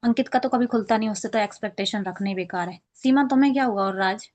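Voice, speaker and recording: A woman's voice: medium pitch, fast, a little mellow. A woman teaching an online training class on a video call, explaining step by step and acting out sample phone calls.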